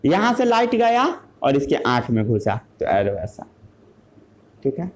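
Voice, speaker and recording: A man's voice: mid-range voice, huge pitch swings, unhurried, a little hiss or hum. A male teacher giving a classroom science lesson. He asks rhetorical questions, answers them himself, and mixes English terms into his Hindi.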